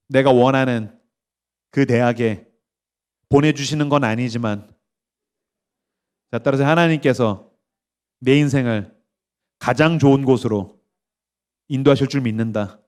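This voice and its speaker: A man's voice: medium pitch, measured pace, long pauses, clear, resonant tone. A pastor in his forties giving a sermon at a youth summer camp, leading the crowd to repeat after him and acting out quoted voices. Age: 40s. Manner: animated, acts out quoted voices, leads call-and-response. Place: church stage at a summer camp.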